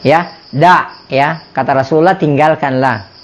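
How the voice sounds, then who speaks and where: A man's voice: on the high side, a little slow. A man with an Indonesian accent teaching an Arabic lesson, repeating words and quizzing his students. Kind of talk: classroom lesson.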